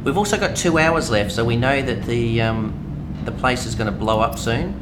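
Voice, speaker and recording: A man's voice: mid-range voice, normal speed. Chatty Australian man streaming a game. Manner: chatty, rambling, many fillers. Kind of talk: casual let's-play commentary. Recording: noisy home stream audio.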